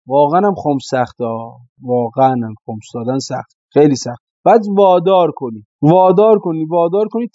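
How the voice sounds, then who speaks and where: A man's voice: a little high, dark tone, dry recording. A man giving a religious sermon, stressing points with rhetorical questions and repeated phrases. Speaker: preacher. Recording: slightly dull, dry lo-fi recording.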